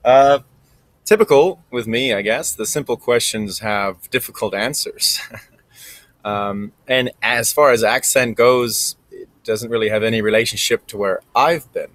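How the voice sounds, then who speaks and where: A man's voice: mid-range voice, measured pace, a bit bright, no echo, rough recording. Man musing aloud to camera. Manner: conversational, thinking aloud with frequent ums. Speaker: vlogger. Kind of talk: reflective monologue to camera. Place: recording alone in front of a camera.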